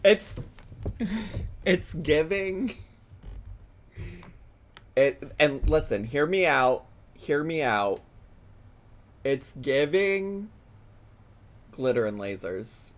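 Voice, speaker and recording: A male host giving sassy reaction commentary, swearing and bursting into yelling. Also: on the high side, lively intonation, very slow, long pauses.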